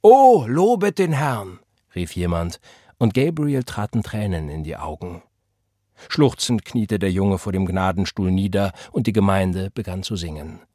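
Calm male audiobook narrator. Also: sits low, no room sound, studio quality. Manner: calm, measured, subdued reading. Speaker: audiobook reader. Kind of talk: scripted narration.

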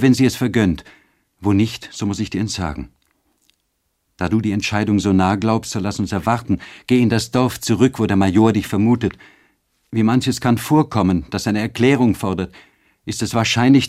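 A man's voice: lowish voice, darkish tone, natural voice. A man voicing an anxious young woman who hurriedly urges her lover to leave, in a storybook reading. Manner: urgent, hurried.

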